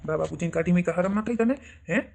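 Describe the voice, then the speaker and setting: A man's voice: high-pitched, rapid-fire, gravelly, darkish tone, a little hiss or hum. A man plays a stubborn, hot-headed village husband in a comedy sketch, answering back with blustering, defiant retorts. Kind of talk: comic village sketch acting.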